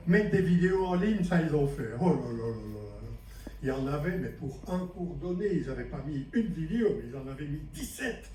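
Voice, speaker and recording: A man's voice: sits high, warm tone. A man from Belgium giving a conference lecture to teachers, chatty and self-mocking, often asking the audience questions. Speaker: conference speaker. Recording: echoey hall, distant mic, faint noise.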